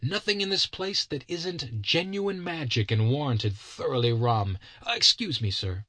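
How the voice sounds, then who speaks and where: A man voicing a suave, sly male magic shopkeeper who talks smoothly and politely. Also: mid-range voice, expressive, measured pace, pushed and bright, dry recording, voice pushed up.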